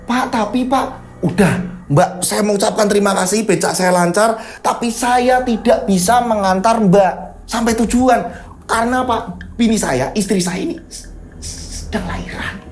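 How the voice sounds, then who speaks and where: A man's voice: sits high, moderate pace, natural voice. A man acting a frantic becak driver. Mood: pleading. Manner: shouting, panicky and exasperated. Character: frantic young male becak driver, expectant father.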